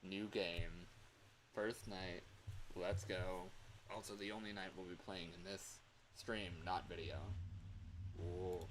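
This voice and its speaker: He streams a game with a low, flat, worn and strained voice, speaking slowly with frequent pauses in a casual, rambling way that drifts off-topic easily. Background noise and loud game music accompany him.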